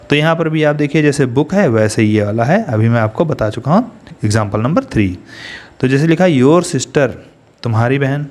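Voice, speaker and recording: A man's voice: mid-range voice, darkish tone. A man with an Indian accent teaching an English grammar lesson, explaining step by step and asking his students questions as he goes.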